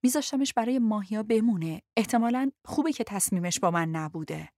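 A woman's voice: mid-range voice, expressive, dark tone, no echo, clean studio sound, natural voice. A woman reading a blunt, protective man. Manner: blunt, frank and insistent. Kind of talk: audiobook dialogue reading.

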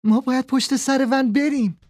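An excited young storybook girl, as a man puts her on, calling out in alarm and urgency. The voice is pushed up very high and sounds set back from the microphone. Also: no echo, faint music behind. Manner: shouting excitedly.

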